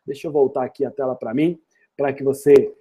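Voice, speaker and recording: A man with a Brazilian Portuguese accent teaching an online English lesson. He is energetic and encouraging and keeps asking rhetorical questions. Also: medium pitch, brisk, slightly rough.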